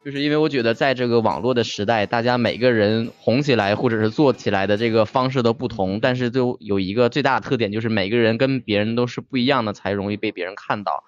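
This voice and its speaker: A man's voice: medium pitch, fast talker, few pauses, dull audio, faint music behind. A man with a Northeastern Chinese accent talking casually as a podcast guest, colloquial and joking. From Shenyang, northeastern China. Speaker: talk-show podcaster, guest instructor. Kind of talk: casual explanatory talk.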